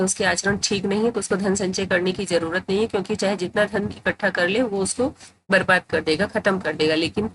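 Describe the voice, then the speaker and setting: A woman teaching Hindi grammar in a tutorial, explaining patiently and repeating phrases to make each point clear. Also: medium pitch, a little hiss or hum, poor audio.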